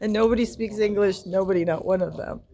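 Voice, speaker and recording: Woman, casual vlogger, excitable and chatty, phone-camera sound. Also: mid-range voice, fast. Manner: excitable, squeals with joy, chatty asides. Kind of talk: casual vlog chat. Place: apartment and street in an Italian village, in and out of doors.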